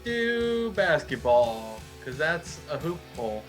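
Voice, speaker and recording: A woman's voice: low voice, sing-song, takes it slowly, over music. A woman performing improv comedy, joking casually and breaking into improvised song.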